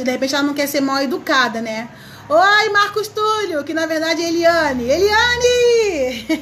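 A woman's voice: high voice, slight background noise. A chatty woman hosting a crafts live stream, greeting viewers by name and laughing often. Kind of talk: casual live chat.

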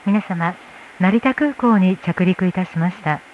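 Over a tinny, noisy cabin PA, a flight attendant delivers a formal inflight announcement. Her voice is fairly low and her pace unhurried, with cabin noise behind her.

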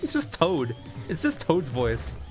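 A man's voice: fairly high pitch, huge pitch swings, measured pace. Laid-back man streaming over music. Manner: amused, laid-back, swearing. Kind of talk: casual reaction commentary. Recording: loud music behind voice. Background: soundtrack of cartoon being watched.

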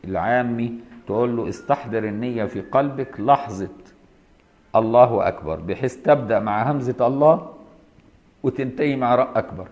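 A man's voice: medium pitch, fairly quick, darkish tone, lo-fi sound. Egyptian man teaching a classical text. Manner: reads a line then explains it in colloquial speech, often checking understanding. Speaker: Islamic law teacher. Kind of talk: explaining a classical text to students.

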